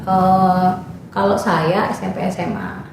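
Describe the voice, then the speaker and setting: A young adult woman who volunteers as a teacher shares her experiences in a casual podcast interview, chatty and full of fillers, even imitating her students' voices. She speaks slowly in a mid-range voice with fairly even intonation and vocal fry, in a very echoey room with faint noise.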